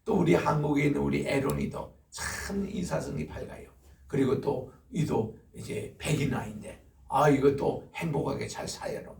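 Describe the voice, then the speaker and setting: An older man, a pastor, preaching a sermon with lively storytelling and acted-out scoldings. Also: a little high, gravelly, a little hiss or hum. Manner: animated storytelling, acting out scolding voices. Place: church sanctuary. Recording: echoey church hall from far off.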